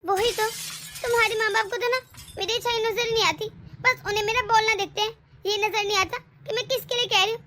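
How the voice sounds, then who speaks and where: A woman voicing a scheming young wife in an animated family drama, who talks sharply and scolds. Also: extremely high pitch, fairly quick, slight background noise. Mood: complaining.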